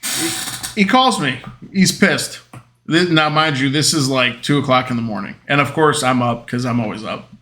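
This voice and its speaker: A man talks through a casual podcast story in a bright, forward voice that sits in a middling pitch. He rambles and fills the gaps with "um" and "whatever." When he retells an argument he turns loud and animated. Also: normal speed. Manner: rambling, with many fillers like "um" and "whatever". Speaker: podcast host.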